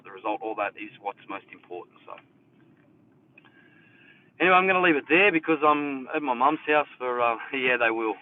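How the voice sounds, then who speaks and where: A man with an Australian accent, a hairdresser, chatting casually with viewers from his mother's house. He rambles with many fillers and leans hard on his main points. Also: mid-range voice. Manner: rambling, filler-heavy, emphatic on key points. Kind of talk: casual live chat with viewers. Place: indoors at his mother's house, air conditioner running. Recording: tinny phone-like sound, distant from the mic, faint noise.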